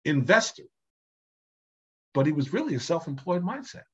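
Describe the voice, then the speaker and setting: Husky man, emphatic podcast guest. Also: fairly high pitch, normal speed, lo-fi sound. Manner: emphatic, animated storytelling. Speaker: podcast guest, business systems founder. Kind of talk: conversational podcast interview.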